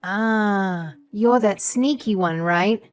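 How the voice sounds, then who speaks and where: A woman speaks slowly at a medium pitch, in a voice close to her everyday one, with soft music underneath. In this scripted audio story she plays an elderly mother-in-law who is haughty, suspicious and scornful, sharply condescending and fond of "sweetheart" and "darling."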